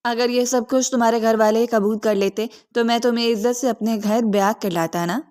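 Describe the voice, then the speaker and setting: A woman's voice: a little high, fairly even intonation, darkish tone, natural voice. Possessive young lover, earnest and insistent, read by a woman narrator. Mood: intense pleading. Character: possessive young man, intense, pleading lover.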